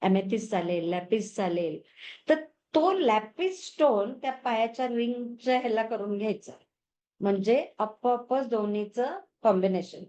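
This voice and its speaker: A woman with a slightly high voice teaches crystal healing. She chats as she goes, telling stories about clients and mixing English words into her speech. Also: normal speed, mellow. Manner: chatty storytelling, mixes English words. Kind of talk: lesson.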